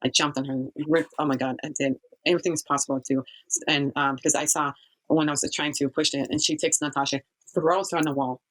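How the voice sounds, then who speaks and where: Halting woman from Kazakhstan recounting. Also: low-pitched, steady tone, a bit bright, rough recording. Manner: halting, searching for words, frequent fillers. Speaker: interview guest. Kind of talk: personal testimony in an interview.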